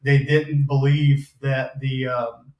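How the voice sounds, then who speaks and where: A man co-hosting a show, explaining things casually in a halting, careful way. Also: medium pitch, level tone, darkish tone, muffled recording. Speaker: show co-host. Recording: echoey room.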